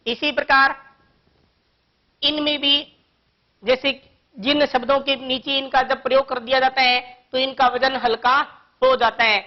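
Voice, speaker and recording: A woman teaching a grammar lesson to young children, explaining patiently and slowly with one example after another. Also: high-pitched, fairly even intonation, highs cut off.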